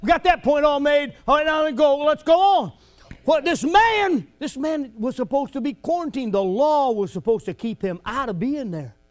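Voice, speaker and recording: A man delivers a folksy sermon to his congregation, expressive and at a moderate pace. He jokes and laughs between lines, breaking into shouts at his high points.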